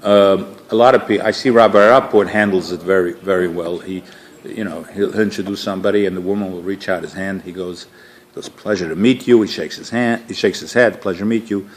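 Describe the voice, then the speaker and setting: A man teaching a relaxed religious class, telling stories in a conversational way with frequent restarts and fillers. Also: low-pitched, fairly quick, slight background noise. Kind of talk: informal religious class talk.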